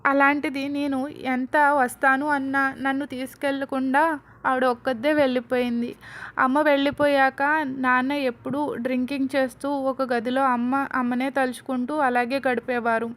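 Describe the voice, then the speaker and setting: A woman's voice: sits high, level tone, moderate pace, a bit bright. A woman voicing a heartbroken young man who questions why his family betrayed him, in a storybook retelling. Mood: grieving. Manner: pleading, questioning.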